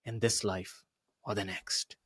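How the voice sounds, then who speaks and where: A man acting out a vengeful warrior who has lost his wife, swinging from loud intensity to a hush. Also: on the low side, level tone, slow pace, husky, no room sound, studio quality, pitched below the performer's own voice.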